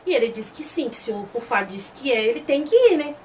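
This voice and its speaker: A woman's voice: on the high side, big pitch swings, fairly quick, a little mellow. A woman hosts a series review, chatting as she retells an episode and voices the characters' lines. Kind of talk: casual episode recap. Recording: slightly distant mic with faint background noise.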